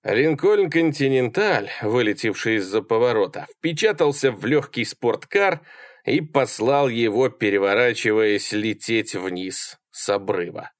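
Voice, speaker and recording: A man narrating a short story in a lively, dramatic reading. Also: medium pitch, unhurried, no echo, studio quality. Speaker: audiobook narrator. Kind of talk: scripted narration.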